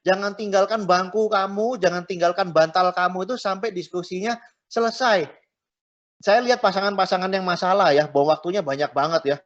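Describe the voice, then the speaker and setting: A man's voice: high-pitched, a little fast. A middle-aged man, a pastor, teaching a marriage class in a chatty way, tagging his phrases and mixing in English words. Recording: dull lo-fi recording.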